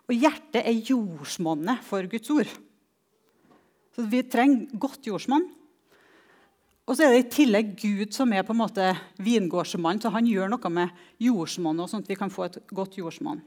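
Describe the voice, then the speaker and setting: Middle-aged woman, earnest spoken testimony, reflective, slow emphatic pauses, church talk. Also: mid-range voice, darkish tone.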